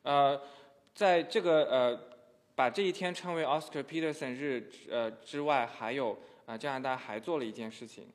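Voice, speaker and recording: Medium in pitch and moderate in pace, a man renders a sermon into another language inside a reverberant church hall. His delivery is halting and packed with filler sounds.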